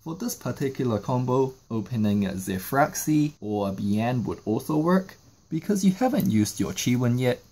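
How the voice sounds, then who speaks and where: Here a man with a medium-pitched, mellow voice narrates a card game tutorial at a moderate pace, sounding animated. He's a trading card game YouTuber, explaining one move after another in sequence.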